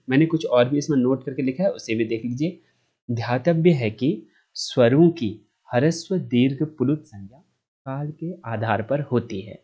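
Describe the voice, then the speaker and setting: A man with a dark, mellow voice teaches grammar over slides, recorded a little dull and lo-fi. He works through each point by asking a question and then answering it. He holds out the vowel sounds to show how long each one lasts. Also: mid-range voice. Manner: explains step by step, asks himself questions and answers them; draws out vowel sounds to show their length. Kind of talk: online grammar lesson.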